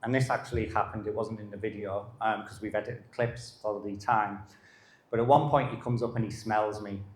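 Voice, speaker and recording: A middle-aged man, a dog behaviour specialist, giving a live masterclass in a calm manner and short broken phrases. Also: on the low side, moderate pace. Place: live lecture venue. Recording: roomy echo.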